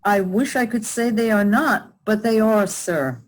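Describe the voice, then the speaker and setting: A woman's voice: mid-range voice, unhurried, lightly acted. A woman playing a polite, earnest lady collecting for charity in a radio play, courteous and deferential.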